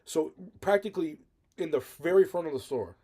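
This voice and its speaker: Male co-host, mellow dark tone, rambling with fillers. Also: a little high, lively intonation, fairly quick. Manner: rambling, many fillers and self-corrections. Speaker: podcast co-host. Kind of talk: casual chat.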